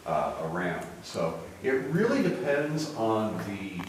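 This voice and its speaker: A man's voice: on the low side, sing-song, slow. A man working as a cave tour guide, giving informal explanatory commentary with trailing sentences, his voice echoing in the cave. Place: inside a limestone cave. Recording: echoing cave, distant mic, faint noise.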